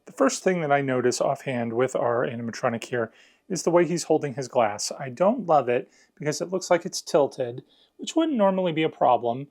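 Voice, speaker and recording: Male product reviewer, conversational, walking through steps with noticeable vocal fry. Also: a little high. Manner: conversational, explanatory. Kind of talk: casual hands-on unboxing and review narration.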